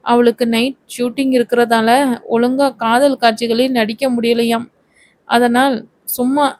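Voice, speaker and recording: A woman's voice: a little high, no echo, natural voice. A woman voicing a cocky, hot-tempered young male film hero.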